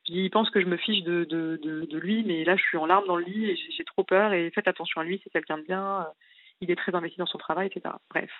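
A distressed woman calls in to a radio show to confess, telling a long, detail-packed story in a rambling way. Her voice is fairly low and steady, and she talks fast over a tinny phone line.

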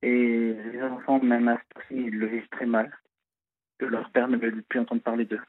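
A man's voice: mid-range voice, flat delivery, no room sound. Man on a breaking-up phone line. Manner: halting, hesitant, with many fillers. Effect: poor phone line breaking up. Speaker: radio caller. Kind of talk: phone-in conversation. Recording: tinny phone line, dry.

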